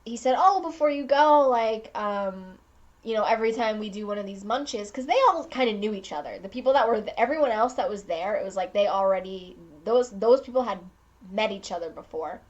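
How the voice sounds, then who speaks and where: A woman's voice: mid-range voice, a little fast, highs cut off. A young woman vlogger telling a casual story at home, rambling, restarting her sentences and laughing often.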